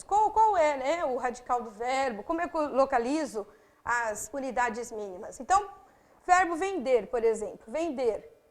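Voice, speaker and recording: Speaking in a high-sitting voice with a Brazilian accent, a teacher explains grammar step by step in a video for exam takers, peppering it with frequent asides to the viewer.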